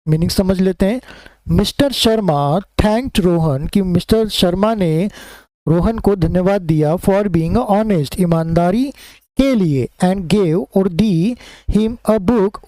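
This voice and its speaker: A man teaching a spoken English lesson, reading English sentences slowly and deliberately, then explaining them quickly in Hindi. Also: high voice, warm tone, no echo, poor audio.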